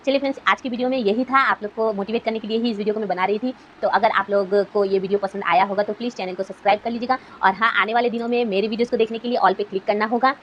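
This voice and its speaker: A woman's voice: mid-range voice, fairly even intonation, racing, few pauses, highs cut off, a little hiss or hum. A woman YouTuber giving an earnest motivational talk to fellow creators, asking rhetorical questions as she goes.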